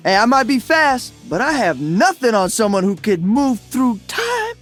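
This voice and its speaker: Playing a breezy, slangy young DJ hero for video game voice lines, a male actor sounds cocky, exuberant, upbeat and friendly. His exaggerated voice is very high-pitched, sing-song, a bit bright and unhurried, with soft background music underneath.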